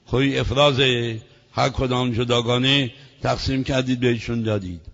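Male seminary teacher with a gravelly voice, reading slowly and explaining quickly; reverberant, dull lo-fi recording. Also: mid-range voice, fairly even intonation, a bit bright. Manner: reads a text slowly, then explains quickly; corrects a student's reading. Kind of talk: classroom text lesson.

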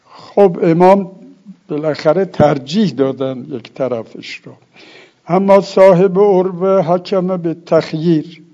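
A man's voice: fairly high pitch, vocal fry, warm tone, muffled recording. A man teaching a religious law lesson, reading Arabic passages aloud and then explaining them. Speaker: seminary teacher.

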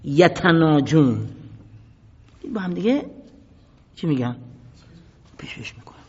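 A man preaching a sermon who explains slow chanted quotes in quick everyday speech, swinging dramatically between loud outbursts and hushed whispers. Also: on the high side, sing-song, creaky, breathy edge. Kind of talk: sermon retelling religious history. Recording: echoey hall, dull lo-fi sound.

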